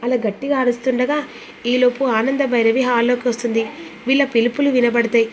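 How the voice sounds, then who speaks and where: A woman narrating a TV serial recap in a brisk, dramatic storytelling manner. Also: a little high, flat delivery, slight background noise, rough recording.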